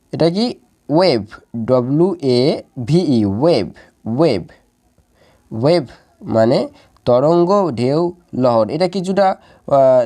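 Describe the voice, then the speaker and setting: A man's voice: mid-range voice, warm tone. A man teaching English vocabulary, spelling words out letter by letter and repeating their meanings patiently. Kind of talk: spelling and pronunciation lesson.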